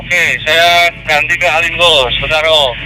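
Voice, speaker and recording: A man answering over a handheld two-way radio, reading call signs in brisk radio procedure and ending his turns with "over". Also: fairly high pitch, fairly even intonation, sharp tone, a little hiss or hum, poor audio. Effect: heard over a handheld two-way radio. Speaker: amateur radio operator on the other end.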